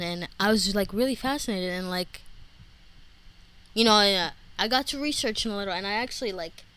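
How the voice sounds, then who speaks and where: A woman's voice: mid-range voice, a bit bright, smooth, low-quality recording. Breathless rambling woman podcaster. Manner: scattered, many fillers and restarts. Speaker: podcast host. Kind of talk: rambling solo podcast chat.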